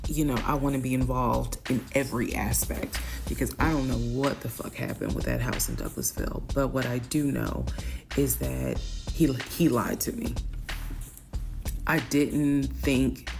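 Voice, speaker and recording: Very low, gravelly woman telling her story. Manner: candid, wry, conversational. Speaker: storyteller in a played clip. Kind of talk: personal storytelling.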